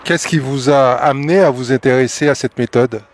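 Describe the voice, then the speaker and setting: A man hosting a radio interview, asking questions in a halting way with many fillers. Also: mid-range voice, slight background noise.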